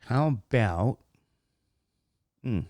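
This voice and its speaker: A man with a slightly squeaky voice teaching math informally, talking through each step and posing questions he then answers himself. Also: expressive, drawn-out words, darkish tone, no echo. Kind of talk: informal worked-example lesson, thinking aloud.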